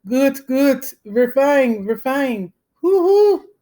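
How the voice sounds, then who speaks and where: A wild, shrill boy screeches and taunts in a drawn-out, sing-song voice, pitched far above an ordinary speaking voice. A woman reading a storybook puts him on. He sounds unhinged and gleeful. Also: very animated, mellow, full character voice. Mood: manic. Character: manic boy acting crazy, high and shrill.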